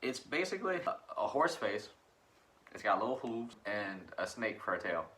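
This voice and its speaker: A man's voice: fairly low pitch, sing-song, moderate pace, pushed and bright, a little hiss or hum. A young man co-hosting a casual chat, telling cryptid stories in a laid-back way and laughing often. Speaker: podcast co-host. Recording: faulty microphone audio.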